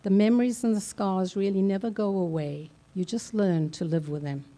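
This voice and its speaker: Slow solemn older woman from South Africa. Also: medium pitch, fairly even intonation, warm tone. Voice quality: measured, solemn pauses. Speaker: conference speaker. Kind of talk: slow, deliberate personal speech. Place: large conference hall.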